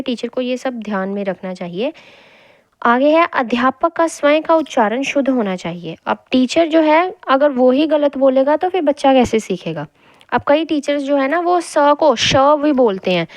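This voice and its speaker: Higher-voiced woman teacher explaining patiently. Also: no room sound. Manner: reads a line, then re-explains it in casual mixed Hindi and English; repeats key phrases slowly. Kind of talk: exam-prep lesson explaining a textbook.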